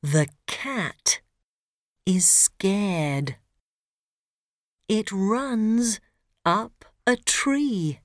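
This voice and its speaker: A woman narrating a storybook for learners, very slow, clear and expressive. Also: mid-range voice, no room sound, studio quality.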